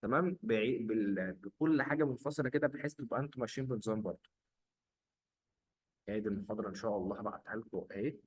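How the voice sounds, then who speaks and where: A man's voice: lowish voice, rapid-fire, breathy edge, rough recording. A man with an Egyptian Arabic accent, teaching German vocabulary and saying each word twice for his students. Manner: drills each word by repeating it. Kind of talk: vocabulary lesson.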